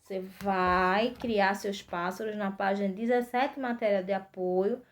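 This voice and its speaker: A woman's voice: mid-range voice, fairly even intonation, unhurried. A Brazilian woman teaching an arts class to young children, patiently explaining steps and often checking in with the kids. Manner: patient, repeats instructions, frequent "tá?" checks. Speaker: primary school arts teacher.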